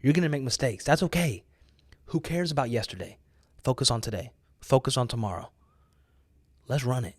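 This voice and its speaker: A man's voice: mid-range voice, lively intonation, brisk, no echo, clean studio sound. American man preaching with emphatic urging. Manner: exhortative, emphatic, repeats phrases for effect; casual youthful slang. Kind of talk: motivational preaching, informal.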